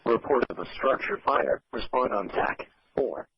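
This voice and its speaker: A man's voice: medium pitch, unhurried, no room sound. A man reading out a formal fire alarm dispatch over the radio, unit by unit. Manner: formal, listing units item by item. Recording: dull, rough radio dispatch audio.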